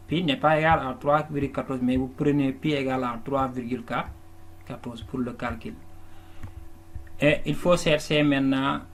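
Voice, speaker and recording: Patient man teaching a lesson. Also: mid-range voice. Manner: patient, repeats and restarts words, checks with listeners. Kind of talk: classroom lesson walkthrough. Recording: faint background noise.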